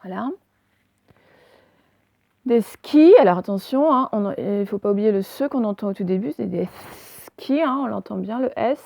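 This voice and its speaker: Brief: woman teacher, mid pitch, slow patient dictation, dry close sound. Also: creaky, a little mellow, no room sound. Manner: slow, careful dictation, spelling letter by letter. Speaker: primary school teacher. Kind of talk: recorded remote spelling lesson.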